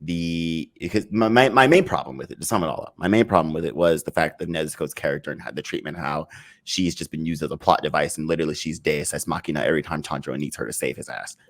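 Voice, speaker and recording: Low-voiced guy on a chill podcast, keeps restarting, cusses a lot, frustrated laughs. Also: quick pace. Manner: rambling, restarts often, swears, laughs in frustration. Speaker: podcast co-host. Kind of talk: casual chat.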